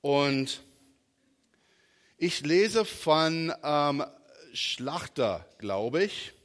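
Preaching a sermon to a congregation in a large, echoing hall, a middle-aged American man from the southern and western United States speaks slowly and haltingly, searching for words in an informal way. His fairly bright voice sits a little high and swings animatedly through big pitch changes, and the recording carries the hall's reverb.

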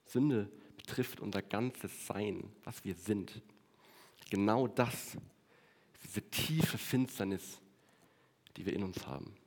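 A man delivers a sermon to his congregation in an earnest tone. He slows down and stretches key words for weight. On solemn lines his voice sinks low and quiet. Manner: addresses the congregation directly. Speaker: preacher.

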